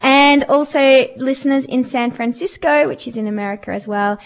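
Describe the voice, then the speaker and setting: A woman's voice: high-pitched, fairly even intonation, normal speed, creaky, muffled recording. A woman with an Australian accent hosting a radio show, chatty and bubbly as she thanks her guest and listeners. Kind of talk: casual radio chat.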